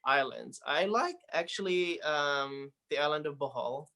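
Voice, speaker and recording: Speaking remotely from his home during quarantine, a Filipino man is a podcast guest in a casual interview, talking in a relaxed, rambling manner. His voice is fairly high-pitched and unhurried, with vocal fry and a sharp tone.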